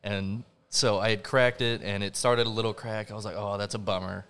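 Low, flat-toned man chatting casually. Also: a little fast. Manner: sweary, slangy. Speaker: band drummer, podcast guest. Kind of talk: casual chat.

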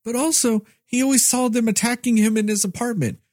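On a casual movie review podcast, this male co-host rants sarcastically and swears freely. His pitch is extremely high and his intonation fairly even, and he talks fairly quickly with a darkish tone. The recording is dry and studio quality.

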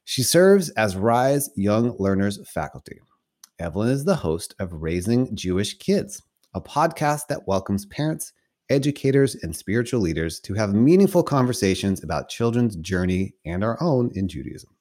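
With a fairly low, darkish voice and a sing-song lilt, this podcast host speaks at a normal speed. He introduces his interview guest like a showman, then starts asking questions.

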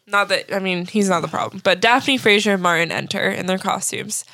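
A woman's voice: mid-range voice, steady tone, brisk, vocal fry, pushed and bright, no room sound, studio quality. A young woman co-hosting a podcast, recapping a sitcom episode in casual chat and filling her talk with "like". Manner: chatty, quotes lines with many "like" fillers. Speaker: podcast co-host.

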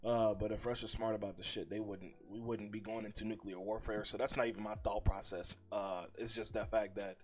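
A man's voice: on the low side, fairly even intonation, brisk, few pauses, a little mellow. A young adult man co-hosting a podcast, giving his opinions in a laid-back, slangy way, swearing and saying "bro" a lot. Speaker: podcast co-host. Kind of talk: casual opinion chat.

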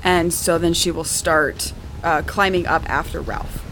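A woman with a rather low voice takes part in a tabletop game as a player. She describes what her character does, with faint music behind her. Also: a little slow, a bit bright, low-quality recording. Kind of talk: tabletop role-play, describing character's actions.

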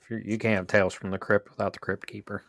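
A man's voice: fairly low pitch, flat delivery, quick pace, fairly bright tone, no echo, clean studio sound. Teasing man steering a podcast chat. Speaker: podcast co-host. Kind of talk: casual chat.

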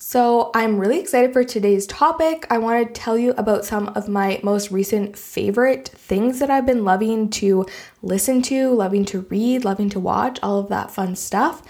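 Canadian girl doing a chatty podcast, super upbeat and informal, woman's voice at normal pitch. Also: moderate pace, mellow. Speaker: podcast host. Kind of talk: casual chatty solo podcast.

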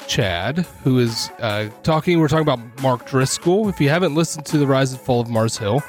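Chill guy opening his podcast, joking around, soft music in back. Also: mid-range voice, animated, brisk. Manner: upbeat, jokey. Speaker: podcast host. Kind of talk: casual chat.

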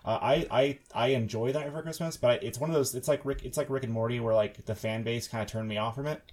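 A man's voice: mid-range voice, quick pace, a little mellow. A man hosting a casual podcast chat from a room in his house, his voice echoey as the sound bounces off a wall; he rambles with many restarts and jokes. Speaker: podcast host.

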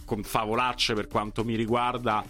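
A man's voice: on the low side, little pitch movement, moderate pace, bright, forceful tone, soft background music. A man hosting a casual, chatty interview. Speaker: music interviewer and host.

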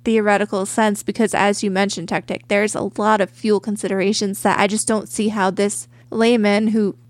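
A woman's voice: medium pitch, flat delivery, normal speed, dry recording. A woman chatting casually as a podcast co-host, with an informal, speculative storytelling manner. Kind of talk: casual chat.

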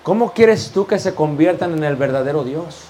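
High-voiced preacher, animated. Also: male voice, normal speed, slight background noise. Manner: lively preaching, rhetorical questions, addresses "hermanos". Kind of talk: sermon.

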